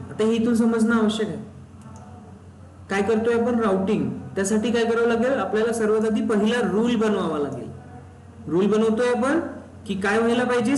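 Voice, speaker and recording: A man is teaching a technical class, his voice set high. He keeps quizzing the students and repeating the key terms. The room is echoey and a faint noise sits underneath. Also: darkish tone. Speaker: instructor. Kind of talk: live technical class explanation. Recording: roomy echo, faint background noise.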